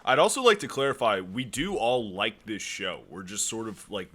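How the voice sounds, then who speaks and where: Bright-voiced young guy saying "dude". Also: on the low side, normal speed. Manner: excitable, slangy, "dude". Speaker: podcast co-host. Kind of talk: casual chat.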